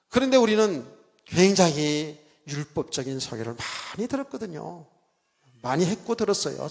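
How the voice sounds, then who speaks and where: A middle-aged male pastor preaching a sermon, telling stories with lively asides and mimicking a shouting revival preacher. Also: on the high side, gravelly. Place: church sanctuary. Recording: church hall reverb.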